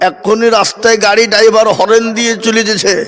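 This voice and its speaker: A male preacher, telling a comic story in a loud, animated sermon to a crowd. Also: sits high, quick pace, soft background music.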